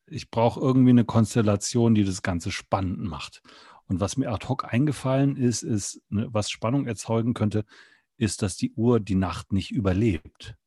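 Husky man improvising a story aloud. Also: fairly low pitch, a little mellow, dry recording, studio quality. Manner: thinking aloud, explaining his steps.

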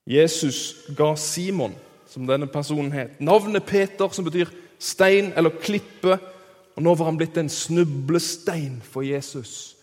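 Lively preacher. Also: male voice, a little high. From Kristiansand, southern Norway. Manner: lively, engaging, asks the audience questions. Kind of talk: storytelling sermon. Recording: reverberant hall.

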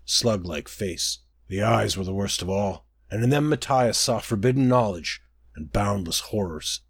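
A man's voice: fairly low pitch, husky, dry recording. A man narrating a scripted fantasy adventure story.

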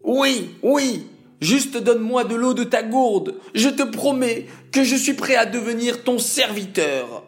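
Villain: arrogant, furious prime minister, shouting and gloating, pitched high above the male narrator's own voice. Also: expressive, unhurried. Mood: begging.

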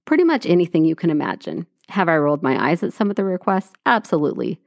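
Woman, podcast co-host, low voice, dry wry reading, no room sound. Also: big pitch swings, quick pace, vocal fry, a little mellow, no room sound. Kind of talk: reading a blog aloud to co-hosts.

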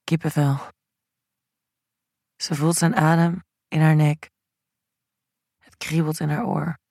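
A man narrating an erotic audio story in a slow, even, intimate reading. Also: on the high side, creaky, no room sound, clean studio sound.

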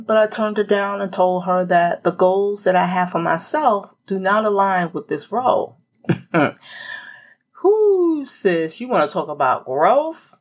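Husky-voiced woman hosting a pep-talk podcast. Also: fairly low pitch. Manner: chatty, emphatic, addresses listener as sis. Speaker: podcast host. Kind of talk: solo motivational podcast.

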